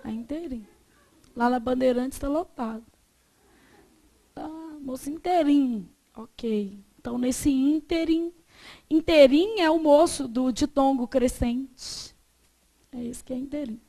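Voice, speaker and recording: A woman with a Brazilian accent leads a grammar lesson in a high, light voice. She chats and jokes with the class and stretches out each example word slowly. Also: warm tone. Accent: Brazilian Portuguese. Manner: chatty, joking, drawn-out example words. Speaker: Portuguese teacher.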